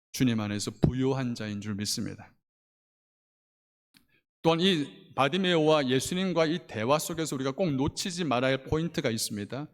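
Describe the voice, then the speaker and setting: A middle-aged man from Korea preaching a sermon as pastor, swinging from loud passionate appeals to hushed storytelling. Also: medium pitch. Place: church sanctuary. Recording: long church hall reverb.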